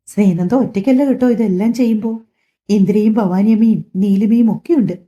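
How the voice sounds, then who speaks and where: Woman storyteller, even steady reading, super mellow tone. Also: mid-range voice. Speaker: audiobook narrator. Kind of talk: scripted story narration. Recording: dull lo-fi recording.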